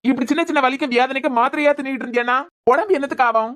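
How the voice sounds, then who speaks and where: A woman's voice: sits high, very fast, lightly acted. A woman voicing a worried young husband in a cartoon who keeps pressing his wife to see a doctor. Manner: pressing, gently coaxing. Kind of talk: cartoon voice acting.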